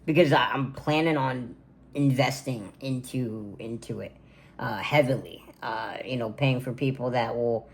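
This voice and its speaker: A man's voice: medium pitch, unhurried. A man in his twenties talking casually to camera in a birthday vlog from his gaming room, rambling with lots of fillers. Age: 20s. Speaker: content creator. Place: home gaming room, indoors.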